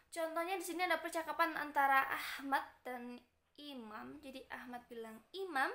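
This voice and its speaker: Indonesian lady teacher, high clear voice, goes slow on the example lines, roomy echo. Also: sharp tone. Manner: explains patiently, reads example lines slowly and clearly. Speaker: English teacher. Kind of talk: recorded online lesson.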